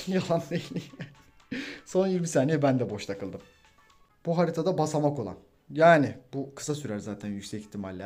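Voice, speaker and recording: A man's voice: medium pitch, a little mellow. Young guy commentating his game, hypes up and trash talks teammates, faint game music behind. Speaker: gaming YouTuber. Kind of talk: live gameplay commentary.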